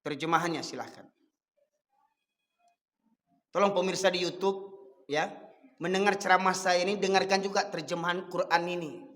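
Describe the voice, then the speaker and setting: A man's voice: high-pitched, fairly bright tone, big-room sound. A man with a Minangkabau accent preaching a sermon, fiery and scolding. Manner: fiery, scolding, switches between dialect and Indonesian.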